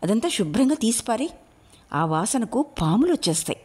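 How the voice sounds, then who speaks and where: A woman voicing a calm, well-meaning elder wife who speaks earnestly in an audiobook. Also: on the high side, moderate pace, pitched above the performer's own voice. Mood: instructing. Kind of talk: audiobook role reading.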